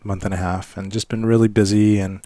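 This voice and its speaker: A man's voice: fairly low pitch, level tone, brisk, mellow, no room sound. A man co-hosting a podcast in casual, understated, matter-of-fact conversation. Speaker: podcast co-host.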